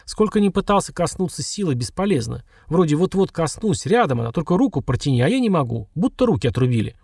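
Male reader plays wary ex-battle mage, guarded, a bit hoarse; dry close sound. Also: on the high side, sing-song, fast talker, a little mellow, no room sound, pitched above the performer's own voice, exaggerated voice. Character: young man, displaced battle mage, wary.

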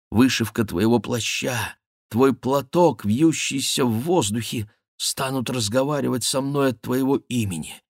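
A man voicing a tender young noblewoman in love, speaking softly and wistfully. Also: lowish voice, dry recording, studio quality. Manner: soft, wistful, lightly raised voice.

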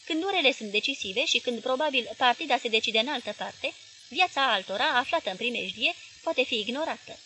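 A woman's voice: fairly high pitch, expressive, sharp tone, rough recording. A woman reading the lines of a tense, decisive male newspaper owner in an audiobook, urgent and commanding. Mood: resolute.

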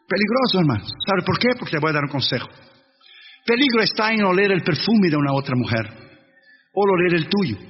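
High-voiced preacher in a reverberant church. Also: male voice, lively intonation, a little fast. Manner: blunt, earnest preaching with English phrases mixed in. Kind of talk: sermon. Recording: dull reverberant church recording, faint noise.

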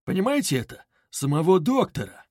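A man voicing a tipsy young man, loud, blustering and drunkenly emphatic. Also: high voice, very animated, brisk, no echo, studio quality, voice pushed up. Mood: urgent. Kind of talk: audiobook character reading.

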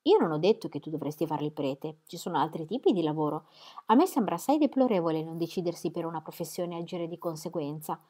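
A woman voicing a spirited, sharp-witted young woman in an audiobook, her lines brisk and pointed and pitched above her narration. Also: expressive. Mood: firm. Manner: brisk and pointed, higher and louder than the narration. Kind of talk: audiobook reading.

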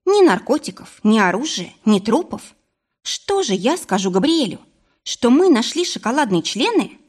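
A woman reading a determined, excitable woman in a husky voice. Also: a little high, moderate pace, pitched above the performer's own voice. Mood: alarmed. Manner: reassuring, then exclaiming.

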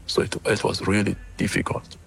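A man from Iran, an interviewed researcher whose voice is disguised by a deep pitch shift, speaking in an earnest, halting way. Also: flat delivery, vocal fry, soft background music. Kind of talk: interview clip.

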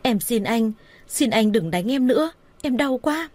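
A woman voicing a tearful older woman who begs and pleads in a high voice. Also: animated, measured pace, darkish tone, slightly rough, no echo. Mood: pleading.

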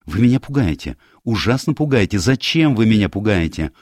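A man's voice: on the low side, very animated, measured pace, darkish tone, no echo, studio quality, pitched above the performer's own voice. A man voicing a frightened, fiery young woman in an audiobook, urgent and pleading. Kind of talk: audiobook character voice.

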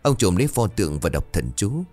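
A man narrating a scripted horror story in a dramatic, expressive way. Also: deep voice, a little fast, soft background music.

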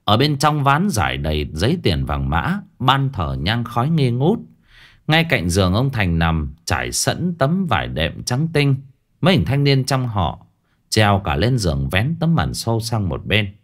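A man narrating a ghost story in a lively, expressive way. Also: lowish voice, measured pace.

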